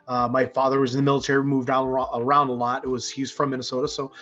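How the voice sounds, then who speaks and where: A man's voice: mid-range voice, little pitch movement, quick pace, a bit bright, highs cut off. A man in his forties, a nonprofit founder, answering interview questions casually with many fillers and restarts. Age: 40s.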